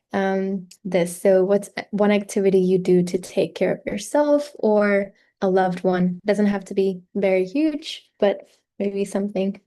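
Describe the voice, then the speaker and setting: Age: adult. Sex: woman. Role: host of an online group session. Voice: mellow, mid-pitched. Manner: friendly, loose, with filler ums. Mic: video call.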